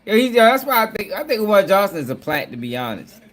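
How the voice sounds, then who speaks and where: A man with a notably high voice reacting to clips in loose, casual commentary. He talks to his viewers in an excitable, profane way, peppering his talk with street slang. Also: fast. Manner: excitable, profane, laughs often, repeats "yo" and "y'all". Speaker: reaction video host.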